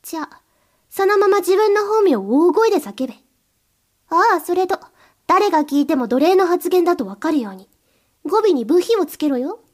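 In a very high-pitched voice with lively intonation and normal speed, a woman plays a cold, domineering mistress in an erotic audio drama. She commands the listener with curt, contemptuous orders.

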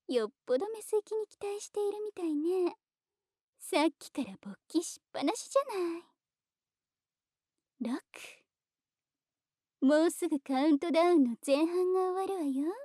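A woman voicing a teasing, commanding dominant woman in a whispered ASMR roleplay, speaking slowly and coaxingly with soft whispers. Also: high-pitched, no echo, studio quality.

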